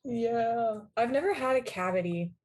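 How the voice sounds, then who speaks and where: A woman's voice: fairly high pitch, expressive, a little slow, noisy background. A woman co-hosting a podcast chat, reacting and laughing easily. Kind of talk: casual chat.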